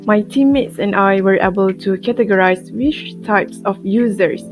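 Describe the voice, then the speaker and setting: A woman's voice: mid-range voice, normal speed. A woman student presenting a class project, reading her script as narration. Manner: reads a prepared academic script. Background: guitar music.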